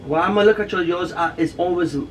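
A man's voice: high-pitched, fast talker, distant mic, a little hiss or hum. A man in casual couple banter, teasing and laughing, sometimes bursting out in exasperation. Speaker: co-host of couple channel.

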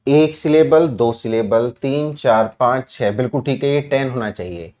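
A man's voice: mid-range voice, normal speed, a little mellow. A man with an Indian English accent teaching an online exam-prep English class, explaining answers step by step and quizzing his students.

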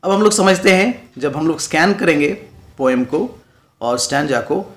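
A man's voice: a little high, lively intonation, moderate pace, fairly bright tone. Hindi-speaking male teacher explaining poetry. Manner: mixes English terms into explanations, checks in with "right?". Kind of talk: classroom lecture.

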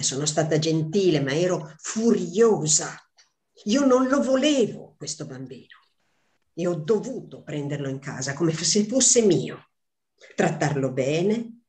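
A woman's voice: low voice, mellow, echoey room. A woman reading aloud as a proud, jealous woman of a royal household, her phrasing bitter and possessive. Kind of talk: literary reading.

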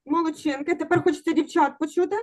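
High-voiced woman teaching an online class. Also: fairly even intonation, quick pace, darkish tone. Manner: encouraging, coaxing students to answer. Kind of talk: online exam-prep lesson.

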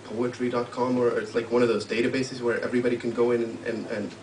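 A man introducing his poem at a live reading, halting and searching for words as he explains it. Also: mid-range voice, flat delivery, darkish tone. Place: live literary event hall. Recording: roomy, distant live mic with faint hum.

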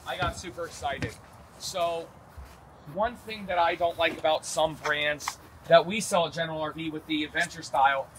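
A man's voice: a little high, fairly bright tone, slight background noise, poor audio. A middle-aged man hosting a casual outdoor walkthrough of a van, asking questions with upbeat enthusiasm. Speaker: host. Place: outdoors at a vehicle lot.

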